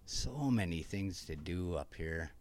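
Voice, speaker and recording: A man with an Upper Peninsula Michigan accent, talking in a relaxed, rambling way as an interview guest, with lots of restarts. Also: sits low, a little slow, slight background noise. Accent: Upper Peninsula Michigan (Yooper). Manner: rambling, enthusiastic, many restarts. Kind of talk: casual conversation.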